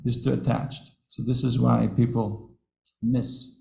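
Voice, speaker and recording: A man speaks slowly with a deeply gravelly, creaky voice, giving a devotional class in a roomy temple hall. He tells stories to the room, chuckles often and doubles back on his words. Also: flat delivery, mellow, a little hiss or hum. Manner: chuckles often, repeats words, talks to the audience. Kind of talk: devotional class talk with storytelling.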